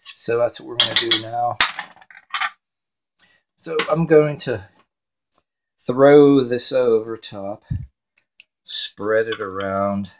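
A man's voice: mid-range voice, slow pace, long pauses, a bit bright, slight background noise. A man hosting a home cooking show in his kitchen, rambling and swearing casually to himself as he works.

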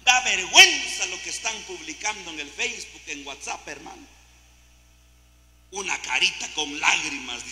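A man preaching a sermon, emphatic, moving between loud exhortation and hushed asides. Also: high-pitched. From Guatemala. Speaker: lay preacher. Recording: echoey hall with faint hum.

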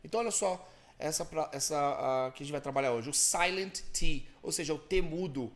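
A Brazilian man hosting an English lesson podcast, explaining in a casual, animated way full of tag questions. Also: fairly high pitch, fairly quick. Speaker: English teacher and podcast host.

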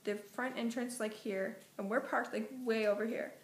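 A woman's voice: a little high, fairly even intonation, normal speed, echoey room, slight background noise. Young woman rambling about a dream. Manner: filler-heavy, self-correcting, meandering. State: just woken up. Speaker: vlogger. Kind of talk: casual rambling story.

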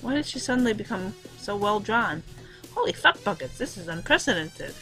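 Brief: a woman doing a flustered teen boy game hero, melodramatic inner monologue, bright forceful tone, no real voice change. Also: mid-range voice, sing-song, moderate pace, soft background music, poor audio. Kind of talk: reading a visual novel aloud.

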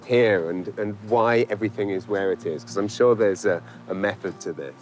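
Energetic English man hosting an interview. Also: fairly low pitch, faint music behind. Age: 40s. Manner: lively, enthusiastic, quick to affirm. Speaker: host and interviewer. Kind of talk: interview conversation. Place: outdoors in a large garden.

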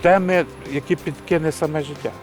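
An older man, a poet, giving reflective, unhurried answers in an interview outdoors. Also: a little high, fairly even intonation, loud music behind the voice.

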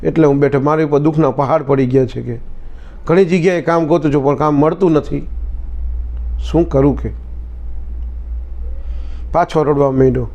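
A man's voice: a little high, moderate pace, pauses often, mellow, highs cut off. A man hosting his own channel, telling a motivational story in a casual, conversational way and often repeating "he said" as he retells the dialogue.

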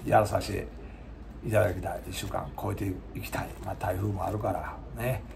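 A man with a Kansai accent chatting casually to his viewers between songs, his voice hoarse and giving out, rambling and polite. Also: low-pitched, steady tone, a little fast, background noise. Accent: Kansai Japanese. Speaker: singer-guitarist streamer.

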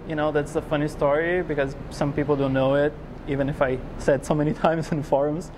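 A man's voice: a little high, little pitch movement, a little fast, a little mellow, a little hiss or hum. A man in his forties from Brazil with a Brazilian Portuguese accent, answering interview questions casually in a large glass-walled hall on a lapel mic, rambling with many fillers. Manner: rambling, many fillers like "you know, it's like". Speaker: guest artist.

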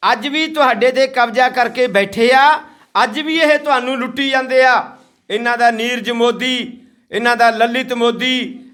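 A man's voice: very high voice, a bit bright. A man from Haryana, a social activist, giving an impassioned, scolding speech to villagers outdoors. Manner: indignant, scolding, repetitive.

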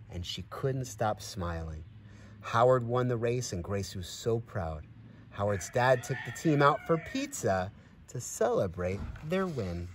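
A medium-pitched middle-aged man gives an animated picture-book reading for children outdoors, in a grassy farmyard by a barn. Expressive and encouraging, he drops in friendly comments addressed to the kids and to an animal. The clear outdoor ambience carries a little hiss or hum.

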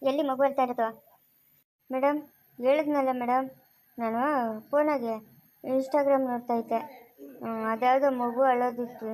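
A man's voice: very high voice, flat delivery, normal speed, long pauses, a little mellow, low-quality recording. A performer in a family drama playing a male kidnapper who pleads innocence and dodges questions. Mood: evasive. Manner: pleading, evasive, defensive. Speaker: suspect in a family skit. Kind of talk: amateur family drama acting.

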